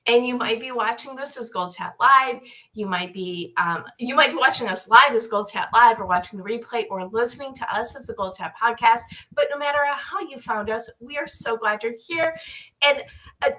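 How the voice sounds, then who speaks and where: A woman's voice: on the high side, sharp tone, low-quality recording. A woman hosting a live panel show, chatty and rambling, often interrupting herself as she goes. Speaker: live show and podcast host.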